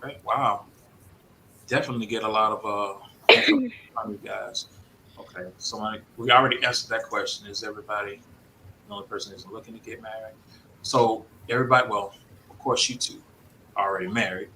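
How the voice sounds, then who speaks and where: A man's voice: fairly low pitch, steady tone, a little fast, pauses often, pushed and bright, a little hiss or hum, poor audio. A man hosting a casual live-stream talk, rambling and leaning on "you know what I'm saying". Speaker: host.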